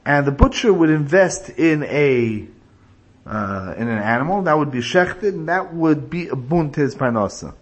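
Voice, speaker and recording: A man's voice: a little high, expressive, moderate pace, slightly rough. A man teaching a religious lecture, explaining points through illustrative stories. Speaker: rabbi teaching a class.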